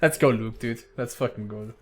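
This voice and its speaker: A man's voice: medium pitch, normal speed, faint music behind. A young man giving casual commentary on a speedrun match, swearing often, laughing and talking to viewers. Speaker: tournament commentator. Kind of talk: casual solo esports commentary.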